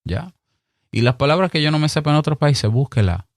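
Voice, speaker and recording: A man with a Dominican Spanish accent giving podcast advice in a clear, deliberate, emphatic way, acting out little exchanges. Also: on the high side, lively intonation, dry recording, studio quality. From Dominican Republic. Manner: emphatic, chatty, mock-acts little dialogues. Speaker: podcast host. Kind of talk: solo podcast advice monologue.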